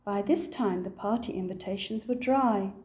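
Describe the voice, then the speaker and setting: An older woman reads a children's picture book aloud in a mid-range voice. She tells the story deliberately and with plenty of expression.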